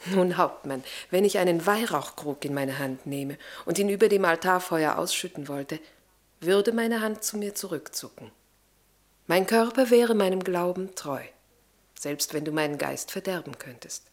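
A woman's voice: on the low side, moderate pace, close to an everyday voice. Earnest, devout Lavinia, played by a woman. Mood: gentle earnestness. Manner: earnest, expressive, swelling from hushed to fervent. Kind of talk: German radio play acting.

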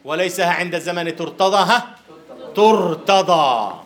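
A man lecturing on Arabic prosody in a classroom, teasing his students and slowly chanting verse syllables. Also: on the high side, expressive, fairly bright tone. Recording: roomy lecture hall echo, faint hiss.

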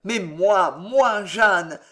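Guy doing a desperate young nobleman, loud and intense, storybook reading. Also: sits high, expressive, measured pace. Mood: passionate. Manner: intense, forceful declamation.

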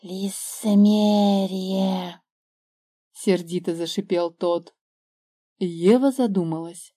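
A woman reads a fairy tale aloud in a calm, unhurried way. She takes her time and lets each phrase settle. The voice sits close and dry, with no room echo. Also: a little high. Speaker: storyteller.

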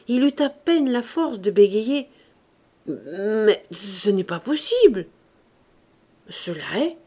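A woman reads a classic novel as an audiobook. Her pace is slow and unhurried, her voice mid-pitched, and her phrasing measured and expressive. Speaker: audiobook narrator.

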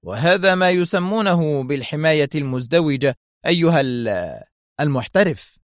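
A man reading a story aloud, voicing a calm, stern and mocking male station chief who answers with provoking indifference. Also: a little high, a little fast, no room sound, clean studio sound, close to an everyday voice. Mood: cold.

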